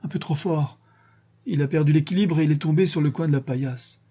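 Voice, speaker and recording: A man's voice: on the high side, lively intonation, moderate pace, mellow, husky, voice pushed up. Man voicing a tearful young servant woman. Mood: distraught. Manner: rising, pleading delivery. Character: young woman servant confessing a killing, distraught.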